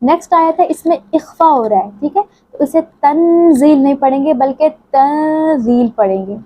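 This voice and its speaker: A woman teaching the rules of Quran recitation, explaining briskly and then reciting each verse slowly in a melodic chant. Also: high voice, lo-fi sound. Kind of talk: tajweed lesson with chanted recitation.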